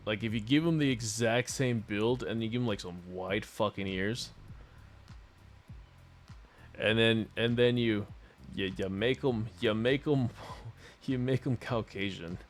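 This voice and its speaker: A man's voice: fairly low pitch, measured pace, long pauses, soft background music. A man streaming a video game, telling a long story in a casual, profane, rambling way and laughing often. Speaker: gaming streamer.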